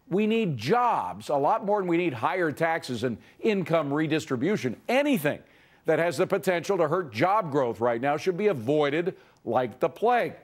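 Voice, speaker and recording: Male news host, raised pitch, emphatic opinion-segment delivery. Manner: emphatic, editorializing.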